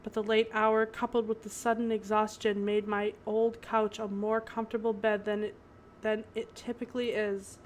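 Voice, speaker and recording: A woman's voice: medium pitch, level tone, moderate pace, few pauses, a little hiss or hum. A woman streamer narrating a visual novel aloud, breaking off for giggly asides. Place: home.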